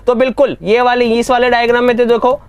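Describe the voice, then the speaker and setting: A man teaching an online reasoning class, often asking whether students have understood and reading statements out slowly. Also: extremely high pitch, flat delivery, clear, resonant tone, muffled recording. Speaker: exam coaching teacher.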